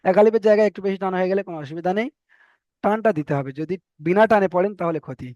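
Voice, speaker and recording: A man teaching Quran reading in an online class, patiently explaining and slowly drawing out letter sounds. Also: high-pitched, warm tone, dry recording, highs cut off. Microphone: online class call.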